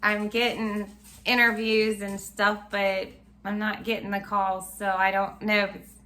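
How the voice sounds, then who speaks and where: A middle-aged woman, chatting casually in a home vlog from her kitchen, a bit hoarse, rambling and laughing often. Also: medium pitch, level tone, unhurried, bright, forceful tone. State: losing her voice, frogging. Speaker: vlogger.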